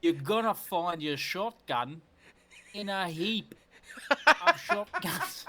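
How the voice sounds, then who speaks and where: A man's voice: sits high, wildly swooping pitch, takes it slowly, a crowd in the background. A man guesting on a podcast, chatting casually and riffing playfully into silly bits. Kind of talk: casual comedic chat.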